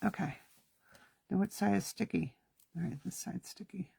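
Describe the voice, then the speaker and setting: A woman's gravelly, mellow, husky voice sits on the low side and moves at normal speed in a dry recording. She's hosting a casual hands-on card-making class, chatting to herself while she works, her nose stuffy.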